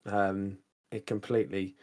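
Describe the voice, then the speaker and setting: A man's voice: low-pitched, little pitch movement, a little slow, darkish tone. A man co-hosting a fan podcast, talking casually and hesitantly with lots of restarts. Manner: hesitant, many fillers and restarts, laughs easily. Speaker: podcast co-host.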